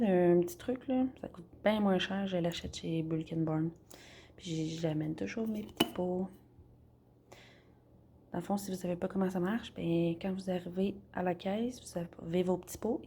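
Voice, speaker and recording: A woman's voice: on the low side, creaky, dark tone, a little hiss or hum. Québécois accent, young woman, chatty kitchen vlog, faint room ambience. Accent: Québécois French. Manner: chatty, rambling, with many fillers. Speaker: vlogger. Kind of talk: casual cooking vlog narration. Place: home kitchen.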